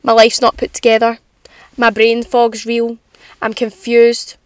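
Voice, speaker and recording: A young woman talks in a fairly high voice, close and dry. She hosts a casual, confiding solo podcast full of animated slang and self-deprecating humour. She sits in a parked car with rain on the roof. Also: a little slow, clear, resonant tone, no room sound. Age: young adult. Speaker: podcast host.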